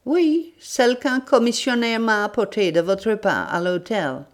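A woman reading an audiobook, voicing a meek, flustered male sidekick who answers in slow, plaintive replies. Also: fairly high pitch, pitched above the performer's own voice, close to an everyday voice. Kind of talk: audiobook character voice.

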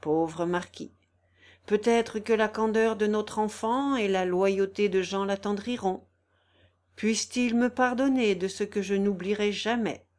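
A woman voicing a gentle, melancholy older male aristocrat who speaks low and softly in a storybook reading. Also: unhurried, close to an everyday voice. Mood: tender.

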